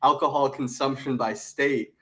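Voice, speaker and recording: A man's voice: medium pitch, fairly even intonation, moderate pace, sharp tone. A man on the show's team chatting casually in a laid-back, hesitant way. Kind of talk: casual chat.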